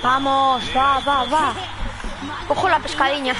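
A woman with a Spain Spanish accent doing casual, energetic, excitable commentary as a live game streamer. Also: sits high, measured pace, music in the background.

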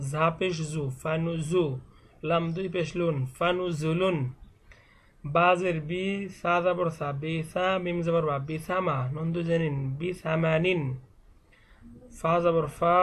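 Slow, patient male Quran teacher. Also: a little high, fairly bright tone. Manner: slow, drilled spelling-out of syllables; patient, repeats words for practice. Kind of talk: online recitation lesson.

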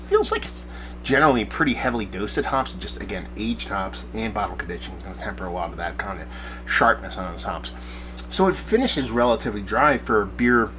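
A man's voice: lowish voice, sharp tone, a little hiss or hum, rough recording. A bearded man in his forties giving a casual, rambling beer review to camera from a small shed studio, often searching for words. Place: backyard shed studio at night, small room.

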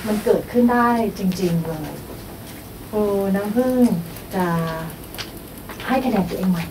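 A woman's voice: mid-range voice, a little slow, distant mic, noisy background. A woman coaching a teacher through a goal, guiding her with prompting questions. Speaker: workshop coach. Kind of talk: coaching dialogue.

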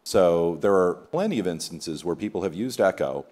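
Deep-voiced man speaking on a conference panel. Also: normal speed. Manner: relaxed, conversational, polls the audience. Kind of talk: conference keynote panel talk. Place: conference hall stage, in front of an audience. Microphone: table mic on a stand.

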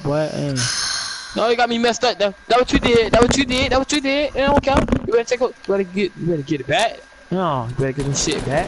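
High, lively young man trash-talking. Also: a little hiss or hum. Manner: taunting, repetitive, swearing. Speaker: gamer. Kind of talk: trash-talking gameplay chat.

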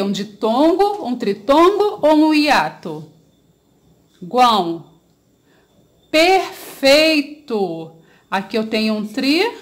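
In a grammar lesson for children, a woman with a somewhat high voice and a Brazilian Portuguese accent draws out syllables. She asks the pupils questions and praises them when they respond.

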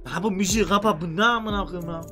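A man streaming a shooter game, chatting excitably and cursing, sometimes yelling into voice chat. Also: high voice, fast talker, faint music behind. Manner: excitable, swears a lot, yells greetings into voice chat. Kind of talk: casual gaming commentary.

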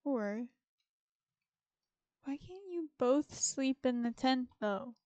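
A woman's voice: sits high, lively intonation, takes it slowly, dark tone, muffled recording. A young woman chatting casually over a life-sim game, rambling and talking to her characters. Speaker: gaming YouTuber. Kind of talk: casual Sims gameplay commentary.

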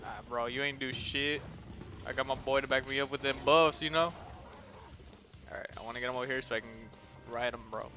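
A man's voice: medium pitch, steady tone, brisk, pauses often. A young man giving casual gameplay commentary, rambling, swearing a lot and laughing often as he plays at home, with game music behind him. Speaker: gaming video host.

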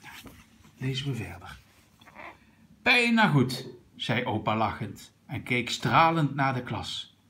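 A man reading a children's picture book aloud to a young child, gently pointing out what is in the pictures. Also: mid-range voice, lively intonation, a little slow. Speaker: reader of a children's story.

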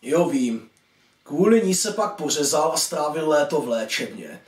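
A man reading his own short story aloud, expressive and voicing each caller in turn. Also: a little high. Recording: echoey room, distant mic.

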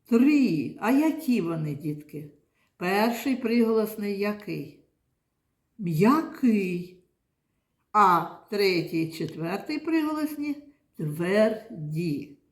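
A woman teaching young children, speaking in a slow, patient, coaxing way. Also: medium pitch, sing-song, reverberant. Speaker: primary school teacher. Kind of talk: classroom lesson for young children. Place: classroom.

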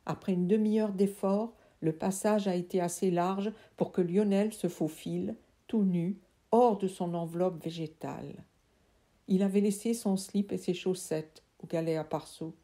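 Mellow woman reading a storybook aloud. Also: fairly low pitch. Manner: calm, measured narration. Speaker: reader. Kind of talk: reading a children's fantasy novel aloud.

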